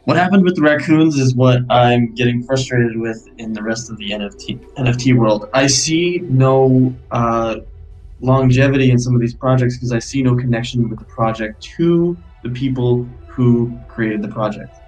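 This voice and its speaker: Reflective man, wry and unhurried. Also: mid-range voice, a little mellow, soft background music, rough recording. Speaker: podcast co-host. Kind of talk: casual podcast chat.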